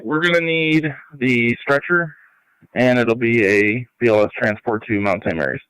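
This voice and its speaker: A man's voice: mid-range voice, normal speed, a bit bright, smooth, no echo, rough recording. A man giving terse emergency responder updates over two-way radio. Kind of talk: terse radio call-ins.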